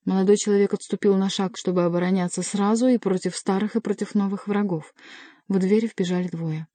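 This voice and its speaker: A woman narrating an adventure novel as an audiobook reader, in an even, measured storytelling manner. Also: medium pitch, no echo. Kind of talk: scripted narration.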